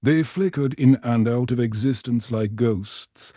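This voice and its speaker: A man narrates a science fiction story in a steady, even way. His tone is mellow and dark, mid-pitched. The recording is dry and close. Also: unhurried, dry recording. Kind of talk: scripted narration.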